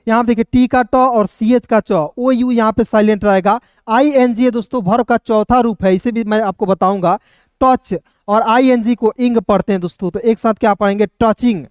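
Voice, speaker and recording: A male English teacher walks through spelling and pronunciation rules, sounding out letters before saying each word. His voice is smooth and clear. The recording is close and dry, with no room sound. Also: very high voice, darkish tone, no echo. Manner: spells words letter by letter, often repeating "दोस्तों".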